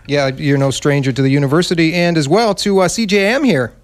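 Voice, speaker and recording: A male radio host with a somewhat high voice, leading a live studio interview. He keeps it friendly and chatty, with quick encouraging interjections.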